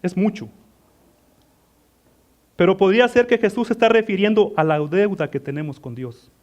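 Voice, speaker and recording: Male pastor, high voice, sermon, questions to the congregation, calls them beloved. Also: moderate pace, a little mellow, lo-fi sound. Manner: calls listeners "mis amados".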